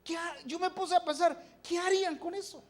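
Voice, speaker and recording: A preacher giving a sermon in a church, reading scripture and putting questions straight to the congregation, with the volume swinging between loud and soft. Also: extremely high pitch, normal speed. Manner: animated, shifting loudness.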